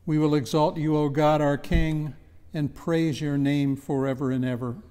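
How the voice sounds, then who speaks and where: An older man leading the prayers of the people in a measured, reverent reading in a church. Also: on the high side, level tone, mellow, clear, resonant tone, in a large hall. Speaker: prayer leader. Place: church chancel, indoors.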